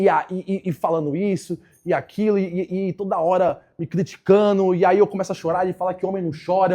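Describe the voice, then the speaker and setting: An earnest, troubled teenage class clown, as a Brazilian preacher quotes him, pleading his case. The voice rises higher than the speaker's usual one but stays soft and mellow. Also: lightly acted.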